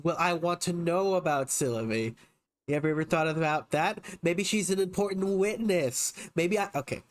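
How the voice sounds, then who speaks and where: A man's voice: on the high side, normal speed, a little hiss or hum. A man casually commenting as he plays a game, playful and teasing, reading options aloud. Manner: playful, teasing, laughs a lot, reads choices aloud. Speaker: gamer playing through a game.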